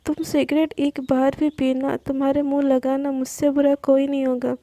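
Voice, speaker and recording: A strict, caring young woman scolds and lectures in a spoken love story, as a woman puts her on. Her voice is high and mellow, with a touch of fry. The sound is dry. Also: level tone, normal speed, dry recording. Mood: scolding. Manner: scolding, stern.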